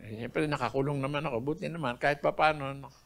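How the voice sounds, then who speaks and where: Older man, earnest testimony speaker; raised pitch, rough gravelly edge. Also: fairly even intonation, fast, a bit bright. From Philippines. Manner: earnest storytelling, addressing listeners as brethren. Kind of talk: personal faith testimony.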